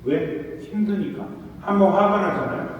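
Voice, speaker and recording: Priest, male, Korean, question-and-answer sermon cadence, higher voice, far off in a reverberant hall. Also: expressive, normal speed, muffled recording. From South Korea. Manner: asks the audience questions, then answers them himself. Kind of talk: sermon-style lecture. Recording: echoey hall recorded from far off.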